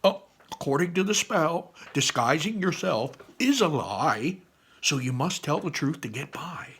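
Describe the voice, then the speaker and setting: A man voicing a big, bold, boisterous young elf man in a read-aloud story, with a loud, eager delivery. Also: fairly high pitch, lively intonation, a little slow, breathy edge, pitched above the performer's own voice, exaggerated voice. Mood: reassuring.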